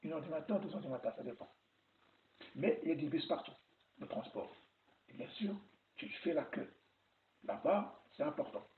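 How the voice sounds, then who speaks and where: A man telling stories in a chatty, animated way on a casual advice vlog. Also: a little high, moderate pace, pauses often. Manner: chatty, animated storytelling with repeated phrases. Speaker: vlogger sharing travel advice. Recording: roomy, tinny phone-like sound with faint noise.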